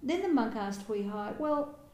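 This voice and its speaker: A woman giving a Buddhist dharma talk as a meditation teacher, speaking gently and reflectively, with soft laughs and small hesitations. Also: medium pitch, fairly even intonation, measured pace. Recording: roomy hall with faint background noise.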